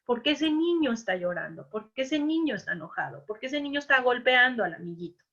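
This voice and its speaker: A woman's voice: fairly high pitch, big pitch swings, a bit bright. A woman giving an informal talk to parents, conversational, often adding "no?" to her sentences. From Mexico. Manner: conversational, frequent "¿no?" and "o sea"; slips into quick acted quotes of parents. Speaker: parenting workshop speaker. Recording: dull lo-fi sound.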